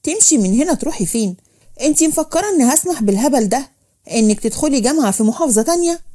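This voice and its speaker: A woman's voice: fairly high pitch, very fast, warm tone, natural voice. A woman voicing a jealous, possessive young husband, who gives orders. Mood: bossy. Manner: bossy, commanding.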